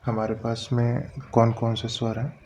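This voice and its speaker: A man teaching a grammar lesson, patiently explaining step by step and sounding out letters slowly. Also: medium pitch, completely flat delivery, darkish tone, slight background noise.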